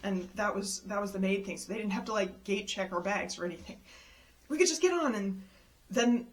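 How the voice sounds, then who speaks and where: A woman casually telling a personal story, lively and exasperated, mimicking the people she quotes with big leaps in her voice. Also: a little fast. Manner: animated, acts out quoted people with jumps in pitch; exasperated retelling of a travel mishap.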